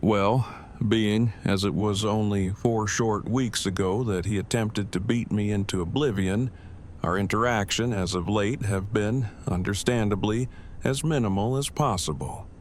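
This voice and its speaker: A man playing an earnest, nerdy fellow who speaks in a stilted, verbose, deadpan way in an audio drama. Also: lowish voice, a little slow, close to an everyday voice. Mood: earnest, measured. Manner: stilted, wordy, formal, deadpan. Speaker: voice actor in a fan audio drama. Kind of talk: acted audio drama dialogue. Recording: faint background ambient noise.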